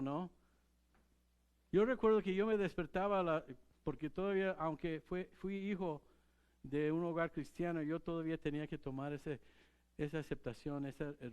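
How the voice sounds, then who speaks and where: A man's voice: on the high side, darkish tone, smooth. A man preaching a sermon as pastor, talking in a conversational way and putting questions to the congregation. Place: church.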